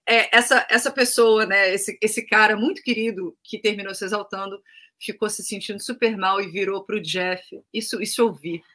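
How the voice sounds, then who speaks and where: A woman's voice: medium pitch, fairly even intonation, normal speed, sharp tone. A woman with a Brazilian Portuguese accent, an opera-trained singer, telling anecdotes in a casual interview and acting out the voices of the people she quotes.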